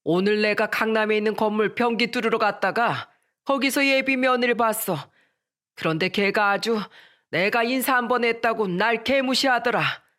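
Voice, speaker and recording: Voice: mid-range voice, expressive, a little slow, a bit bright, pitched above the performer's own voice. A narrator doing an indignant middle-aged dad. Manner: indignant, raised voice. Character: angry middle-aged father, a plumber.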